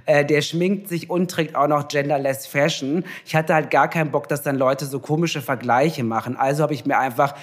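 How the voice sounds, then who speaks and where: A young man, a TV presenter, talking casually and reflectively as an interview guest, with many pauses and fillers. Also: fairly high pitch, fairly even intonation.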